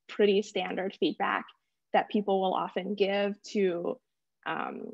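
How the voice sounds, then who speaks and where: A young woman speaking as a panel guest, thoughtful and measured, with some filler words. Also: mid-range voice, gravelly, no room sound, lo-fi sound. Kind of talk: reflective panel discussion.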